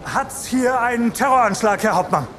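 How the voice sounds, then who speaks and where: Naive young male recruit, high voice, snappy and deferential, noisy platform, film comedy. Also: expressive, normal speed, fairly bright tone. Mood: eager, deferential. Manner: deferential, snappy military replies. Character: eager, obedient, naive young army recruit.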